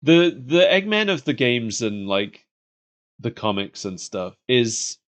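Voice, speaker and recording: A man's mid-range, fairly bright voice comes across as very animated yet slow-paced. He is co-hosting a podcast, enthusiastically chatting about and reviewing cartoons like a true fan.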